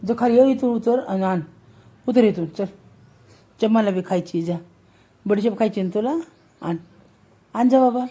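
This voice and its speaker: A woman's voice: medium pitch, normal speed, pauses often, warm tone. A mother talking playfully with her toddler at home, coaxing and teasing her in a sing-song way. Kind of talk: casual talk with a toddler at home.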